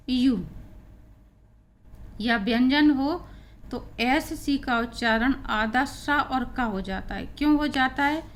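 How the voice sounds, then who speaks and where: A woman's voice: fairly high pitch, slight background noise. A woman teaching an English pronunciation lesson, explaining rules step by step and spelling out letters one by one. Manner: slow, deliberate, spelling out letters.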